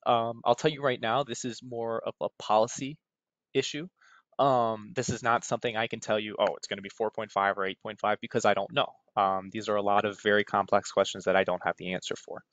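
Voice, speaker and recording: An American man gives a conversational, informal technical webinar, often checking in with "right?". His voice is on the low side and fairly bright, with little pitch movement and a slightly fast pace, captured in roomy, dull lo-fi audio.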